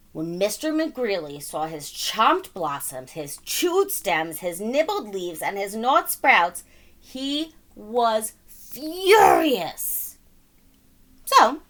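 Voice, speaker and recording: This storybook reader has a mid-range voice that's bright and forceful. Reading a children's story aloud, she goes for drama and emphasis and gets playful with sound words, giving an animated narration.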